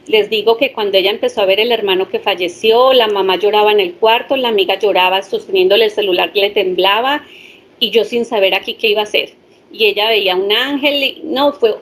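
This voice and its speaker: Woman, hypnotherapist, earnest and animated storytelling to a small group, faint background noise. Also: medium pitch. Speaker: hypnotherapist sharing experiences. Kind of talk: personal testimony to a small group.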